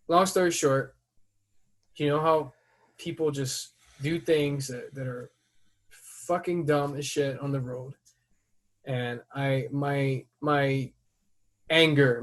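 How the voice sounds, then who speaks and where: A man hosting a podcast who tells a story in casual chat. He swears freely and breaks into loud, heated outbursts as he retells it. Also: medium pitch. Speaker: podcast host.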